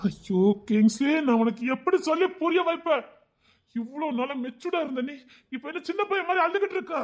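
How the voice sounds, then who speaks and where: A man's voice: very high-pitched, quick pace, voice pushed up. A man with a Tirunelveli Tamil accent voicing an urgent, scolding older-brother ally in an audio story. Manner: pressing, scolding, rising to shouts. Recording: dull lo-fi recording.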